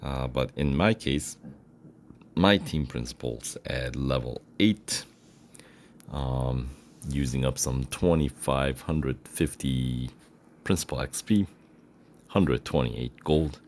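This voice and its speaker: A man with an extremely deep, gravelly voice talks through a racing game in casual commentary. He speaks slowly and thinks aloud, pausing often with small fillers. A faint hum of noise sits behind him. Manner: relaxed, thinking aloud with many "uh" pauses. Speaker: gaming channel host.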